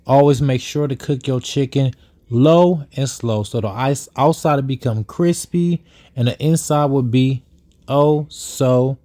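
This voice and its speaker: A man's voice: medium pitch, unhurried, warm tone, no echo. A man chatting casually as a cook and co-host on a food vlog. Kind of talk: casual cooking vlog chat. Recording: close dry sound with music under it. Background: background music.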